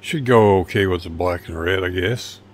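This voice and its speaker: A man's voice: low voice, moderate pace. An older man casually narrating his model car build over photos, rambling and folksy with a self-deprecating humor.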